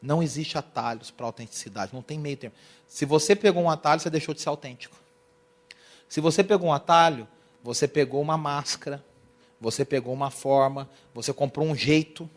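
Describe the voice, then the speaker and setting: Young man from Brazil, church worship lecture, bright high voice, acts out anecdotes. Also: brisk. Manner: animated, storytelling, acts out quotes. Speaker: worship teacher. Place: church hall.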